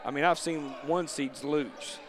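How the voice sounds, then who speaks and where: A man calling a local high school basketball game in a rambling, chatty way with many restarts. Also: steady tone, measured pace. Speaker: play-by-play commentator. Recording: noisy gym ambience.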